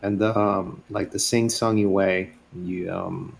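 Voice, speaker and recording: A man's voice: sits low, level tone, slow, gravelly, a crowd in the background. A man in casual chat, easygoing and agreeable, with many fillers. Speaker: guest.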